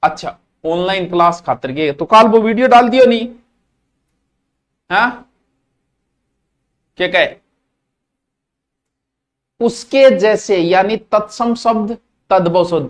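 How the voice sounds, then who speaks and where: Folksy high-voiced Rajasthani man teaching. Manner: folksy, jokey, switches into Marwari asides. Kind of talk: casual classroom lecture.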